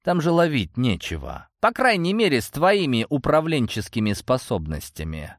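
A man voicing a young heir who speaks calmly in an icy, mocking tone. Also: mid-range voice, normal speed, no room sound, clean studio sound. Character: young male heir, cold, predatory, self-assured.

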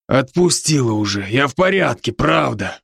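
A brash, teasing werewolf buddy, voiced by a man in an audiobook, his gravelly voice leaping up and down as he jokes. The sound is close and dry. He never stops ribbing his friend. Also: medium pitch, expressive, fairly bright tone, no echo, heavily acted. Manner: brash, teasing, rapid-fire banter. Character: boisterous, joking adult male werewolf friend. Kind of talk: audiobook character voice.

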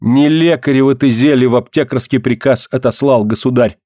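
A man's voice: medium pitch, brisk, no echo, clean studio sound, close to an everyday voice. A man voicing a guilt-stricken boyar's wife. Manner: archaic, pleading, hushed. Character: grieving guilt-stricken old-Russian boyar's wife, middle-aged woman. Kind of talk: audiobook reading.

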